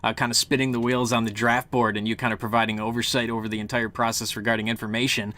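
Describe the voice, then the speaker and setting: A man's voice: mid-range voice, flat delivery, fast talker, sharp tone. A man co-hosting an esports show, giving conversational news and commentary with frequent uhs between phrases. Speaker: esports co-host and league commissioner.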